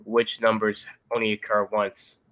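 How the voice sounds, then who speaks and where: A young man with a somewhat low voice talks through a coding problem step by step. His manner is laid-back and patient, like a casual pair-programming session at home. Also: completely flat delivery, measured pace, a bit bright. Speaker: interview candidate studying coding.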